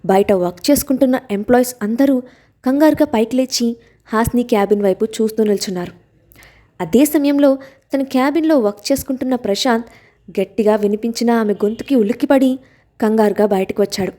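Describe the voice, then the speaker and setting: Female storyteller with a Telugu accent, warm and mellow tone, scripted novel reading. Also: a little high, brisk. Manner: reads all characters' lines herself with little voice change. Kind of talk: scripted novel narration with acted dialogue.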